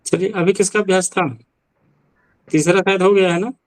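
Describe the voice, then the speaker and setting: Man teacher with a slightly high voice. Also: fairly even intonation, moderate pace, low-quality recording. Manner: questioning, correcting, dry teasing. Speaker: Sanskrit teacher. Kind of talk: live online class.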